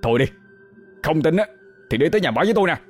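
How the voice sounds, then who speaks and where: A man's voice: a little high, animated, rapid-fire, faint music behind, voice pushed up. A man voicing a sly village henchman who stammers when frightened. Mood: panicked.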